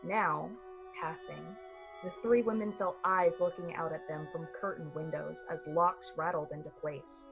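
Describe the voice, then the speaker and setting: A woman narrates a suspenseful summer-night tale as a literary storyteller, styled after a 1940s radio play with measured suspense. Her voice is low, creaky and steady, at a measured pace. The recording is slightly muffled, with music underneath.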